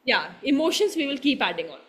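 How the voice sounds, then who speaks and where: A woman's voice: high voice, big pitch swings, fast. Encouraging Indian woman coaching a group. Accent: Indian English. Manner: warm, encouraging, laughs often, checks in with the group; mixes Hindi phrases into her English. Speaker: workshop coach. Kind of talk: guiding a live workshop exercise.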